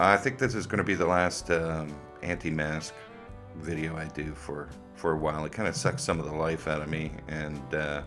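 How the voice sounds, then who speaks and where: A man hosting comic reaction commentary in a sarcastic, mocking way. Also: extremely low pitch. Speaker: host of a commentary video.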